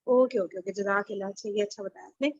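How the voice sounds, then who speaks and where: A woman leading an online Arabic study group, gently correcting readers and mixing in English words. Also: medium pitch, fairly even intonation, dry recording, highs cut off. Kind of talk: casual online class discussion. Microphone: video call.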